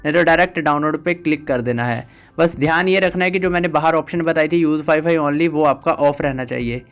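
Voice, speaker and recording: A man giving a patient, step-by-step tutorial on phone settings, pausing with "ah" as he explains each option. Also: on the high side, clean tone. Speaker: tech tutor.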